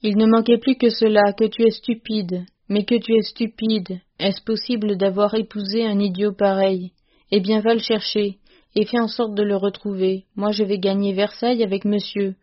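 A woman reading the lines of a sharp-tongued young wife who scolds her husband, in a scornful, bossy way. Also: medium pitch, fairly even intonation, normal speed, highs cut off, lightly acted.

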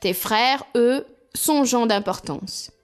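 A stern old lord snaps back at his son and dismisses him, as a woman reads him aloud. It is a storybook voice with soft music behind it. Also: a little high, takes it slowly, clear, resonant tone. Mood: scolding.

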